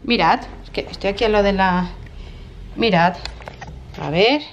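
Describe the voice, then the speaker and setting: Chatty excitable woman from Spain. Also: medium pitch, unhurried, muffled recording, a little hiss or hum. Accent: Spain Spanish. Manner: chatty and excitable, often laughing. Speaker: vlogger. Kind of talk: casual vlog to camera.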